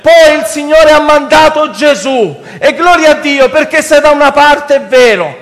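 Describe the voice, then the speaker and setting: A male preacher with a very high voice delivers a fervent sermon. His voice rings with a long church-hall reverb. He keeps turning to the congregation and calling them brothers. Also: expressive, a little slow, a bit bright. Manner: impassioned preaching, often addressing the brothers.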